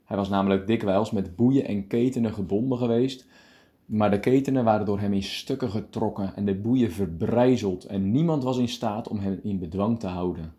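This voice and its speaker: Mellow-voiced man giving a sermon. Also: lowish voice. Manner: calm, deliberate Bible reading and explaining. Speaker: preacher. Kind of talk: radio meditation sermon.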